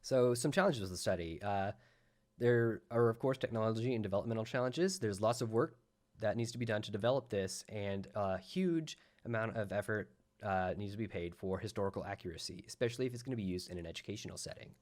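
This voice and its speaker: A man giving a recorded conference talk, explaining at length with frequent pauses and "uh" fillers. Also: on the low side, a little mellow. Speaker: conference presenter.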